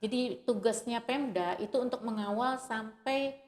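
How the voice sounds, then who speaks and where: A woman activist answering interview questions in a measured way, often pausing on "eh" and starting points with "nah". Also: a little high. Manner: measured, with frequent "eh" fillers and "nah" openers. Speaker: guest, women's rights activist.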